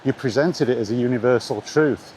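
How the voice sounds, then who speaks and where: With rain falling as he walks, a middle-aged man vlogs brisk, blunt opinions about retro games, saying things more than once for emphasis. His voice is mid-range with a darkish tone, and the outdoor audio is noisy with surrounding sound.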